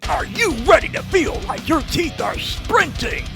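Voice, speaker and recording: A man playing a slick, cheery pitchman in a parody radio commercial. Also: big pitch swings, unhurried, over music. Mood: hyped.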